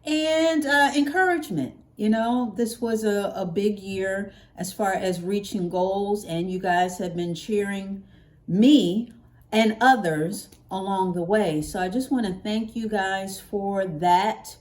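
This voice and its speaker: An American woman who vlogs about hair care chats casually with her viewers, playful and expressive, stretching words out for emphasis. Her voice sits in the mid range and she takes her time.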